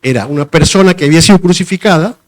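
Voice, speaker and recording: A man's voice: on the high side, fast talker. A man giving a sermon in a conversational way, often repeating phrases and stopping to search for words. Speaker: preacher.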